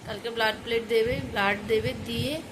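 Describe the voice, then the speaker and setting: A woman's voice: fairly even intonation, brisk. A young woman, talking through a casual home vlog while feverish and worn out, in a tired, subdued way. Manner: tired, low-key and subdued. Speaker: vlogger. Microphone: phone camera. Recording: noisy home phone recording.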